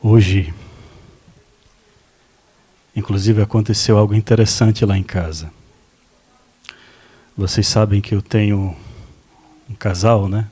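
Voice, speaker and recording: A man's voice: lowish voice, fairly even intonation, takes it slowly, pauses often, mellow, husky. A Brazilian man preaching a storytelling sermon in church, chatting directly with the congregation. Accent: Brazilian Portuguese. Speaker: pastor.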